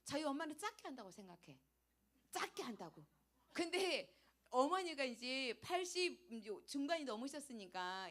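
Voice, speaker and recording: Lively, animated woman telling her testimony. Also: on the high side. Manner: emotional storytelling, acts out her own prayers. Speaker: church lecturer. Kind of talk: personal testimony in a church lecture.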